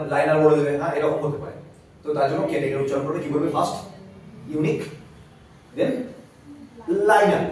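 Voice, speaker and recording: A man's voice: a little high, darkish tone. Man lecturing in a very echoey room. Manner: explains slowly, repeats terms, asks students "clear?". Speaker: geography teacher. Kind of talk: classroom lecture. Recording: echoey room, distant mic, faint noise.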